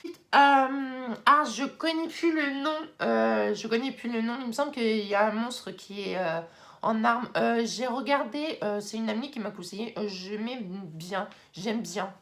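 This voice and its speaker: A young woman in casual vlog talk, chatty with many fillers and excited bursts, now and then moving off the mic. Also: a little high, a little slow. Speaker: YouTuber ranking anime. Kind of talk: casual vlog tier list.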